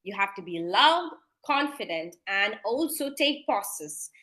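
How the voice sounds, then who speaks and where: A woman's voice: mid-range voice, big pitch swings, slow, bright, forceful tone, rough recording. A woman explaining an exam format as a tutor in a casual lesson, with many fillers along the way.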